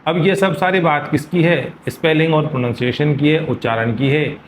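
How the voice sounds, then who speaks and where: A man's voice: a little high, fairly even intonation, moderate pace, a little hiss or hum, rough recording. A man teaching English pronunciation in a video lesson, spelling words letter by letter and insistently drilling repetitions. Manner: emphatic, insistent correcting tone.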